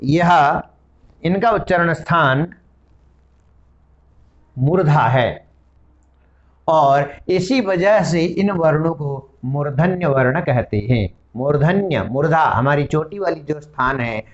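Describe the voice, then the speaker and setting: A man's voice: fairly high pitch, takes it slowly, long pauses, muffled recording. A man teaching a Sanskrit grammar lesson, explaining and spelling out each sound one at a time. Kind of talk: classroom-style lesson.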